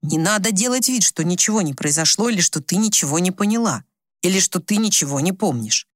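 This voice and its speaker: A woman voicing a tired, bitter older husband who speaks slowly and low in an audiobook story. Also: animated, no room sound, studio quality. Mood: weary. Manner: tired, slow, low and resigned.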